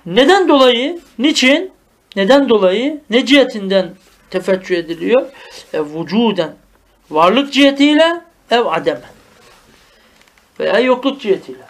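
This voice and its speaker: High-voiced man teaching Arabic grammar. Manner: explains line by line, often asks "tamam mı?"; reads Arabic text slowly and acts out mourning cries. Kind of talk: traditional madrasa lesson.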